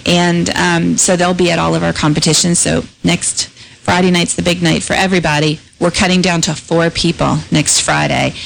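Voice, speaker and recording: A woman's voice: lowish voice, flat delivery, normal speed, creaky, a little hiss or hum, rough recording. A woman from the Northeast US, chatting on local radio in an upbeat, promotional way about base events. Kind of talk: casual radio chat.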